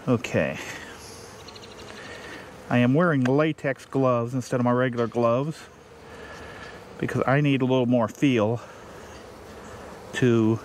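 A man with a mid-pitched, everyday voice, talking a viewer through his beekeeping work as he goes. He speaks plainly and thinks aloud between tasks. Faint outdoor hum and buzzing bees sit under his voice. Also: fairly even intonation, darkish tone. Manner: plain, unhurried, thinking aloud while working. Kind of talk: casual how-to narration. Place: outdoors beside a beehive.

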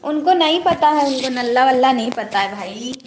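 A woman's voice: high-pitched, expressive, moderate pace, heavy background noise. A middle-aged housewife hosting a casual live stream, chatting and teasing back as she reads viewer comments.

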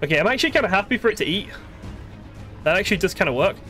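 Talking at a racing clip in a high register, this man plays a video game and narrates it live with plenty of swearing, excited one moment and exasperated the next. He mutters both to himself and to the creatures in the game, with faint music behind him.

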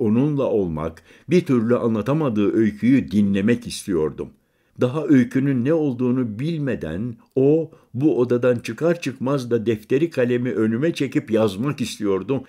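A man narrating a literary audiobook in the first person, measured and slowing on quiet images. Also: mid-range voice.

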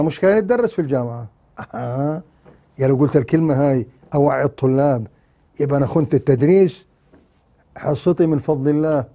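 An older man giving satirical political commentary on television, mocking and animated. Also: mid-range voice. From Jordan. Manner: mocking, animated, mimics others in sing-song asides. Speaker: TV commentator, former university lecturer.

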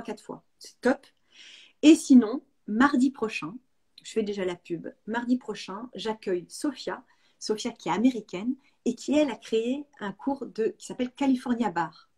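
A woman's voice: mid-range voice, breathy edge. A woman in her forties, a fitness coach, chatting frankly and with energy on a video call. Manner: lively, frank, slangy. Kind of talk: casual webinar chat.

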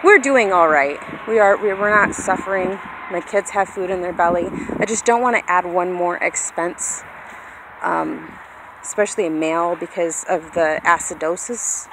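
At a moderate pace, a woman in her thirties talks informally to her viewers, rambling and making fun of herself; she's a vlogger and hobby farmer. She records on a phone held at arm's length in an open grassy yard, where wind, outdoor noise, and a vehicle-like rumble intrude.

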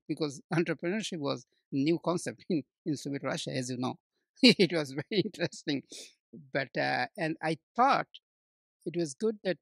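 A man in his sixties from Bangladesh, talking as an interview guest, halting often with fillers and restarts. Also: fairly high pitch, vocal fry, dry recording. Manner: hesitant, many restarts and fillers, warm laughs. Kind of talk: conversational interview.

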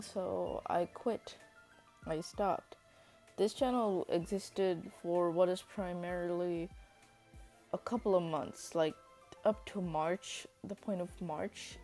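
A man hosting a casual vlog, talking in a flat, monotone way with lots of rambling fillers. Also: high voice, creaky. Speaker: YouTuber. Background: faint background music.

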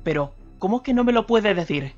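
A man's voice: high voice, animated, brisk, voice pushed up. Uneasy retired man, voiced by a male narrator; hesitant questions over faint music. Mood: puzzled. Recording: slightly dull radio recording, faint music.

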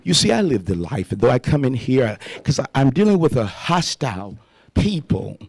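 A man's voice: medium pitch, very animated, moderate pace, creaky, a little mellow, slightly rough, no room sound. A man in his fifties preaching live on radio from a studio, fervently calling out praise and amen between his thoughts. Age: 50s. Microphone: studio mic on boom arm, wearing headphones.

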